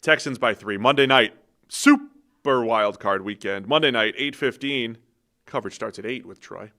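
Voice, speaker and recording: A man co-hosting a casual football podcast, trading quick banter and introducing the games. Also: mid-range voice, sharp tone. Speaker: podcast co-host, football analyst. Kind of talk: casual sports podcast chat.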